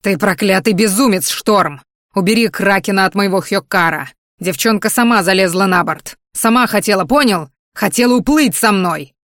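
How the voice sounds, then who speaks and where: A woman reading an audiobook, voicing a furious male ship captain who yells frantically. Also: mid-range voice, unhurried, no echo, studio quality, natural voice. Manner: yelling, frantic.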